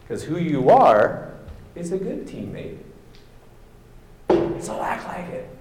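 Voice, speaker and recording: A pastor preaches a sermon with emphatic delivery, acting out quoted voices and rising to near-shouting. His voice sits on the high side, with a little hiss or hum, in an echoey hall with long reverb.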